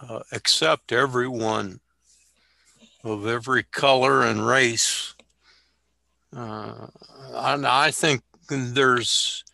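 Very gravelly older man, halting storyteller. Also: medium pitch, sharp tone, no echo. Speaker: guest, Navy veteran. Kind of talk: casual conversation and storytelling.

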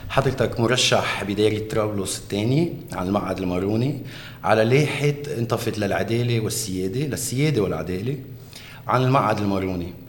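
A man's voice: lowish voice, quick pace. A man with a Lebanese Arabic accent hosting an interview show. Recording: echoey room, faint background noise.

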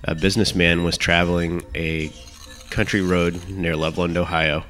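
A man hosting a show with a croaky voice, hoarse from illness, moving between narration and casual announcements with a hesitant, unhurried delivery. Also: deep voice, little pitch movement, fairly bright tone. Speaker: show host. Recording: music playing behind the voice. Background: music.

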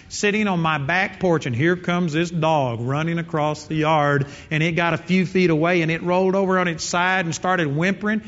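A man's voice: high-pitched, fairly bright tone. A man preaching a sermon in an earnest, emphatic way, repeating his key phrases. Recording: dull sound in a reverberant hall.

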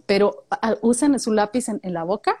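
A woman chatting casually about speaking skills, lively and acting out little voices as examples. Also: mid-range voice, moderate pace. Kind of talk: casual chat giving speaking tips.

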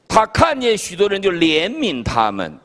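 An older man from China preaching a sermon at a conference, telling stories with humor in an animated way. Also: high-pitched, moderate pace. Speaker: pastor. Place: conference hall. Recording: reverberant hall.

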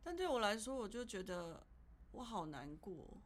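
A woman co-hosting a podcast in a casual, heartfelt chat with a Taiwanese Mandarin accent, halting and repeating words as she speaks. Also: mid-range voice, big pitch swings. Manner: emotional, halting, repeats words when upset. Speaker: podcast co-host.

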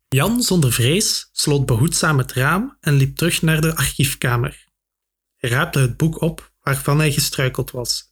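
A man reading a children's adventure story aloud with steady, expressive narration. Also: a little high, husky. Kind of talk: audiobook narration.

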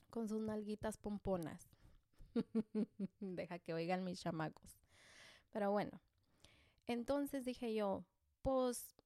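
A chatty woman with a Mexican accent spins a story about her kids, joking at her own expense and dropping slang as she goes. Her voice sits at an ordinary pitch, and it comes across close and dry with no room echo. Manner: animated, joking, self-deprecating, slangy. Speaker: mother telling a personal story. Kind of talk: casual storytelling to camera.

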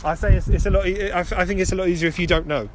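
A man's voice: high-pitched, steady tone, rapid-fire, slight background noise. A young man, hosting a casual podcast with jokey, sarcastic banter and frequent laughter. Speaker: podcast host.

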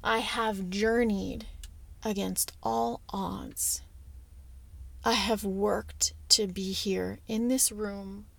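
A woman voicing a humble, bent male sage who speaks calmly and gently in a story she tells. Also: medium pitch, gravelly. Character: humble bent sage man, calm, wise.

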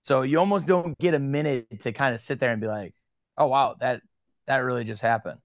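Animated Western New York man, lo-fi. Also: mid-range voice, no echo. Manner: animated storyteller, quick asides. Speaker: podcast guest, sports card media host. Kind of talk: casual interview chat.

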